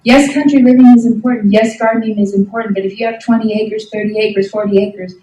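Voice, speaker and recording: A woman's voice: medium pitch, steady tone, fast, mellow, slight background noise. A middle-aged woman teaching a health ministry class, folksy and emphatic, often asking the class questions. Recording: echoey room from a distant mic.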